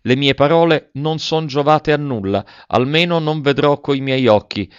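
A man's voice: a little high, normal speed, smooth, dry recording, highs cut off, pitched above the performer's own voice, lightly acted. A man voicing a stern, cold man who reproaches his friend firmly. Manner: firm, reproachful.

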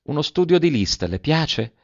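A man reading a calm young countess. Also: fairly high pitch, unhurried, dry recording, highs cut off, pitched above the performer's own voice. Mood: gentle.

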